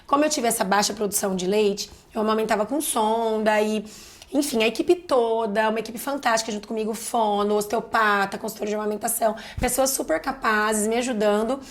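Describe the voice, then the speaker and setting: A woman's voice: fairly high pitch, brisk. A woman in her thirties with a Brazilian Portuguese accent, a pediatrician guest speaking candidly and expressively in a casual podcast conversation.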